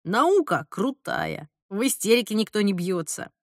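A woman voicing a calm, easygoing young man with a dry, unhurried manner. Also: mid-range voice, no room sound.

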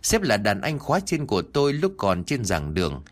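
Guy narrating a spooky story, lowish voice, swings up and down a lot. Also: normal speed. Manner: animated, dramatic storytelling. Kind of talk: first-person ghost story narration.

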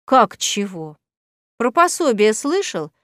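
Ironic, teasing young heroine, voiced by the woman reader, slightly high voice, dry close audiobook. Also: very animated, slow, fairly bright tone, no echo, heavily acted. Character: playful ironic young woman teasing her cat friend. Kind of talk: audiobook character voice.

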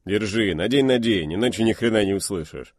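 A brash young seaplane pilot barks his lines in a hearty, rough, familiar way, as a deep-voiced male narrator puts him on. His voice sits low, with a bone-dry, close sound. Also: expressive, a little fast, dry recording. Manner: loud, rough-mannered and familiar.

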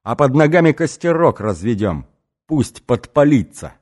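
A man voicing a brutal, drunken male gang boss in an audiobook, shouting and snarling threats. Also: mid-range voice, sing-song, moderate pace, voice pushed up. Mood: menacing. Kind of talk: audiobook character voice.

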